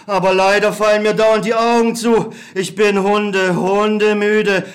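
A man's voice: sits high, level tone, a little slow. A man playing a weary, bitter young war returnee, tired and hungry, in a radio play. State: exhausted and hungry.

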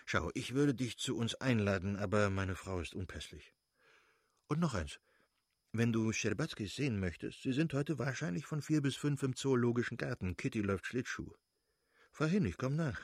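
A man voicing a cheerful, genial male nobleman official in a read-aloud novel, with a husky voice and a jovial, teasing manner. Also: mid-range voice, expressive, normal speed, no room sound, clean studio sound. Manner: jovial, teasing, laughs easily.

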